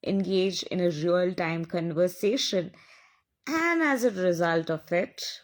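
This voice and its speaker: A woman with an Indian English accent, giving an earnest spiritual monologue in an impassioned, preachy way with lots of repeated phrasing. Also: mid-range voice. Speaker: spiritual channel speaker.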